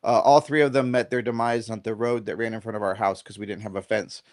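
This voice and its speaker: A man's voice: fairly low pitch, fast. Middle-aged guy rambling on a podcast, keeps saying right?, acts out little quotes. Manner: rambling, often checks in with "right?"; animated storyteller who acts out quotes. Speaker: dog trainer guest. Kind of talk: casual podcast conversation.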